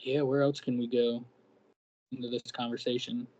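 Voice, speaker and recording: A man's voice: mid-range voice, flat delivery, moderate pace, a little mellow, dull audio. A man co-hosting a podcast, chatting casually and hesitating with lots of ums while he searches for words. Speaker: podcast co-host. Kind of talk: casual chat.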